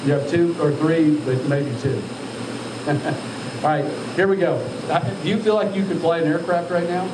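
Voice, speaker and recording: Guy instructor kinda high voice, far from the mic in an echoey room, giving orders and asking questions. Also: fairly even intonation, moderate pace. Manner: directive, questioning, addresses trainees as sir. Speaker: altitude chamber instructor. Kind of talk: live instruction, checking on trainees. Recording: echoey, distant mic, loud machinery hum.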